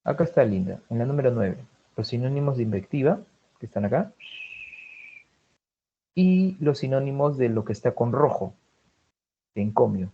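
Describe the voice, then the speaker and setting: A man's voice: mid-range voice, lively intonation, moderate pace, pauses often, muffled recording, slight background noise. A man with a Peruvian Spanish accent teaching a vocabulary class, listing synonyms and checking in with his students. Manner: drills vocabulary lists, checks in with students often. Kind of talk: online class lecture.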